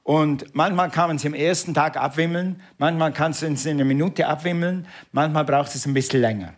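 A man preaching a sermon as pastor, animated and drawing his congregation into call and response. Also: fairly high pitch, brisk.

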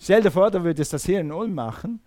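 A man delivers a sermon in a fairly high voice. He preaches with energy, dropping to quiet, close tones and then rising to loud calls. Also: expressive, fast talker.

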